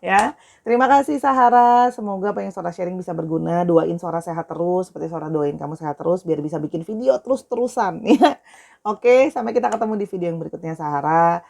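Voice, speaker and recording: Chatty gravelly-voiced woman tarot reader. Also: lowish voice, fast, a little mellow. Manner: chatty, affectionate, addresses viewers as dear. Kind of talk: casual spoken tarot reading.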